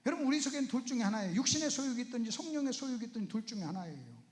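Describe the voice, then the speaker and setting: A man's voice: extremely high pitch, big pitch swings, very fast. A male pastor preaching at a Bible seminar in a church, often putting rhetorical questions to the audience. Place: church sanctuary. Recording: roomy church echo.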